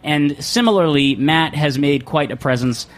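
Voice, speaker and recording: A man hosting a live radio show from a studio, chatting casually and rambling with an excitable manner, often restarting his sentences. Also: on the high side, normal speed. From not from New York.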